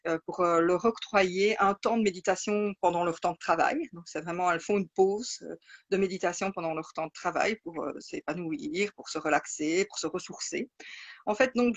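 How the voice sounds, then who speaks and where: A woman's voice: fairly low pitch, a bit bright. Belgian woman, Liège accent, live interview guest, hesitant and filler-heavy. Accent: Liège Belgian French. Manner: hesitant, many fillers and restarts. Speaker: interview guest, identity coach.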